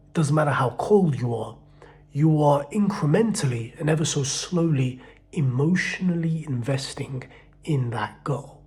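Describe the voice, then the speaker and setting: A man giving blunt, profane dating advice in a casual monologue, swinging between loud emphasis and low muttering.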